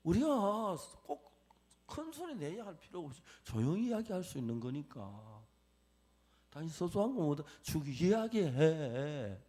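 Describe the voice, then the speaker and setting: A man preaching a chapel sermon, acting out quoted dialogue with animated delivery. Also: on the high side, a little slow.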